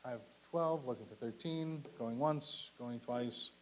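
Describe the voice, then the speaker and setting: Hiss sits behind a man calling a live auction in a mid-pitched voice. He works as the auctioneer, delivering short, repetitive, clipped phrases in a courteous, businesslike routine of lots and bids. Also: unhurried, poor audio. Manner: repetitive, clipped bid calls with polite thanks. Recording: clearly audible background hiss.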